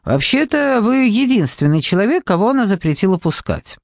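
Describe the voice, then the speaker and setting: A man's voice: high-pitched, very animated, a little fast, no echo, clean studio sound, voice pushed up. A man voicing a stiff, disapproving butler who pleads in exasperation. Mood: sour.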